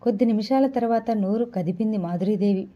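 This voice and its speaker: A woman narrating an audio novel in a steady storytelling manner. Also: medium pitch, a little fast, highs cut off.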